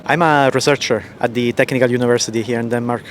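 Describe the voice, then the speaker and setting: A man's voice: mid-range voice, fairly even intonation, fast talker, soft background music. A man from Sicily, a researcher answering street interview questions thoughtfully, with restarts. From Sicily, Italy. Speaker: postdoctoral researcher. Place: city street outdoors.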